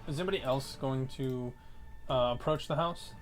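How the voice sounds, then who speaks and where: A man's voice: mid-range voice, normal speed, faint music behind. A man acting as game master, narrating scenes and putting questions to players in a tabletop role-playing game.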